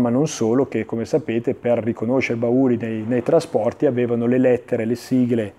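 Male infomercial presenter, dark relaxed voice, measured and explanatory, unscripted sales delivery. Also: mid-range voice. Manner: explanatory, measured, with searching pauses and repetitions. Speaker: antiques dealer presenting items on a TV sales show. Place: indoor furniture showroom.

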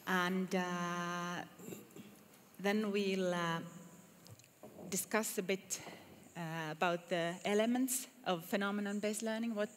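A woman's voice: mid-range voice, steady tone, slow pace. A Finnish woman with a Finnish accent leading a conference workshop in English, friendly and hesitant with fillers and restarts. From Finland. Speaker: workshop presenter. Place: conference room with audience. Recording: reverberant hall, faint noise.

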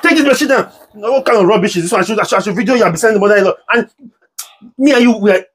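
A man's voice: high-pitched, very fast, a little hiss or hum. A young man with a Nigerian accent plays an exasperated husband in a comedy skit, scolding and complaining. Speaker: skit actor playing the husband.

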